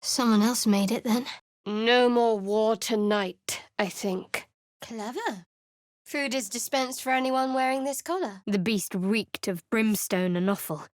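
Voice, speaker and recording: In a dry, close-miked studio recording, an actress voices a guarded, sardonic young woman cleric for a video game. Her voice sits a little high, natural and unhurried, and her lines come out dry, wry and guarded.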